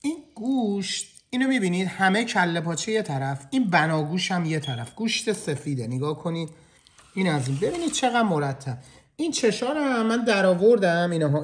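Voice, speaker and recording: A man hosting a casual cooking vlog from a kitchen, joking and talking straight to his viewers through a clip-on mic. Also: sits high. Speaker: chef. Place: indoor kitchen.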